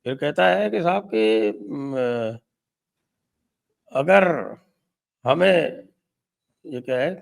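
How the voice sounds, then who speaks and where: A man's voice: fairly high pitch, lively intonation, drawn-out words, vocal fry, pauses often. A man with an Indian accent hosting a political talk show, reading out quotes with sarcastic relish.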